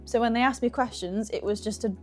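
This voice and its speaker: A woman's voice: fairly high pitch, quick pace, soft background music. A young woman with a northern English regional accent, chatting casually as she gives audition advice to camera and acting out little voices along the way. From Midlands or North of England. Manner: chatty, animated, acts out little voices in quotes. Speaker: actor giving audition advice.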